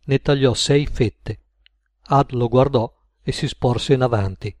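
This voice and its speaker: A man narrates an audiobook story in a steady, measured way. His voice sits mid-range and the recording is close and dry, with no room around it. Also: mid-range voice, no room sound.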